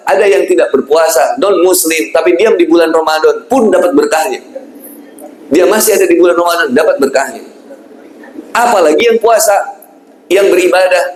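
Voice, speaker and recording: A man preaching a casual, conversational sermon, asking rhetorical questions and acting out pleading prayers. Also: high voice. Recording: echoey room with faint ambience.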